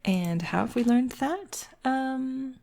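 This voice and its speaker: A woman's voice: high voice, expressive, slow pace, gravelly, darkish tone. A woman teacher walks through editing a text step by step, asking questions aloud and answering them herself. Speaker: writing teacher. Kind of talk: walkthrough editing lesson.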